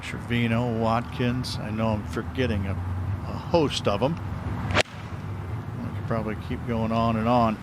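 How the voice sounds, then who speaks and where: Man, mid-range voice, live golf commentary, loud outdoor crowd noise. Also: mid-range voice, fairly even intonation, unhurried.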